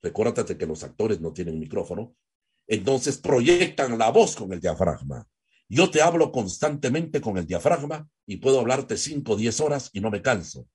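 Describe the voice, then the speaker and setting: A man teaching a lecture on voice technique, animated and demonstrative, drawing out vowels as examples. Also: fairly low pitch, moderate pace, husky. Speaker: voice coach.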